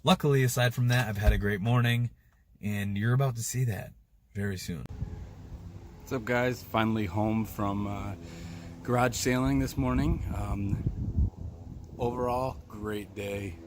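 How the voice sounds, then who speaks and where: A man vlogging casually, telling animated, excitable stories with fillers and laughs, partly recorded outdoors. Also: fairly low pitch, measured pace, pauses often, a little hiss or hum. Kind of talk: casual vlog storytelling.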